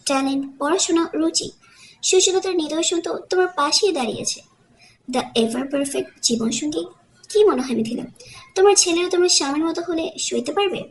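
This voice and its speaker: A woman's voice: extremely high pitch, animated, brisk, a little hiss or hum. A woman voicing a proud young wife who scolds her family in cutting, bitter tones, in a romantic audiobook. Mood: icy scorn.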